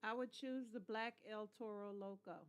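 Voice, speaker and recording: A woman's voice: mid-range voice, normal speed, clear, resonant tone. A tired woman hosting a casual livestream, chatting with viewers in a rambling, yawning way and talking to her dog. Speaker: livestream host.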